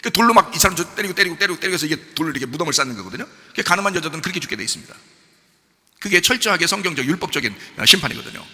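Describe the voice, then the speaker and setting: A man preaching a sermon as pastor, acting out dialogue in his sermon and swinging between loud exclamations and hushed, soft passages. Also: a little high, expressive, rapid-fire. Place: church sanctuary. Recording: long echo of a large hall.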